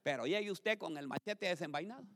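A man preaching a sermon to his congregation, speaking to them directly, asking them to repeat after him and building to loud emphatic peaks. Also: high-pitched, animated, fairly quick. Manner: addresses congregation directly, calls for repetition. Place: church. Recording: long reverb of a hall.

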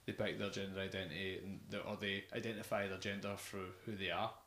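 A man's voice: deep voice, level tone, fast talker, fairly bright tone, slight background noise. A young man hosting a casual music podcast, rambling enthusiastically with many fillers. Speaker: podcast host. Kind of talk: casual chat about music. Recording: echoey room.

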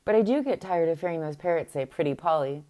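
A woman gives voice to a fussy old king from a storybook, grumbling in a dry way. The voice sits low and mellow. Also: lively intonation, fast. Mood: wry. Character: fussy elderly king, mildly weary.

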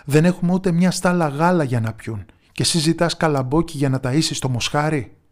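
Man playing a fair-minded village lord, worried, loud and pleading, storybook folktale. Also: on the high side, voice pushed up, natural voice. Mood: agitated. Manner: troubled, pleading, raises his voice. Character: kind, just male village lord, worried.

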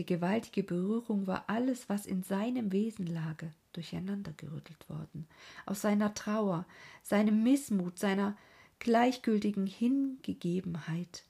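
A woman narrating a classic novel in a slow, earnest way, often sinking into a soft whisper. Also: medium pitch, vocal fry, slightly rough. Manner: slow, earnest, dramatic phrasing. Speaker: audiobook narrator. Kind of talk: literary reading of a classic novel.

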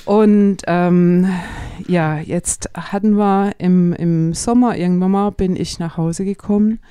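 A woman co-hosting a podcast, telling stories casually and hesitantly, with pauses. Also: lowish voice, dark tone, smooth, no echo. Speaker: podcast co-host. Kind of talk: casual chat and storytelling.

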